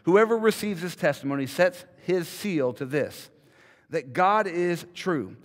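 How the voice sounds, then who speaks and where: With a fairly high pitch and lively intonation, this thirty-something pastor delivers a sermon at a measured pace, stressing and repeating words to drive each point home. He's in a large church sanctuary, captured by a podium mic and a far-off camera, and the hall reverb rings long.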